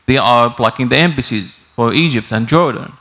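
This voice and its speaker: A man in the audience at a mosque gathering asks a question in a halting way, with many pauses. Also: medium pitch, bright, forceful tone. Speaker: audience member. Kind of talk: asking a question at a community Q&A. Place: mosque hall.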